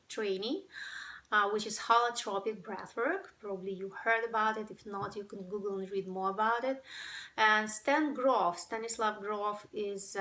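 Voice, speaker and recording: A woman with a Ukrainian accent talks straight to camera about her own journey. Her voice is bright and clear-edged at a middle pitch. She speaks earnestly and often pauses on "you know" while she finds her words. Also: poor audio. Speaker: breathwork facilitator. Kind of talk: personal story to camera.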